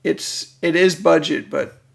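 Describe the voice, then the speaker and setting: A male podcast co-host with a slightly high voice full of heavy vocal fry. He banters and explains game rules in an offhand, informal way. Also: takes it slowly.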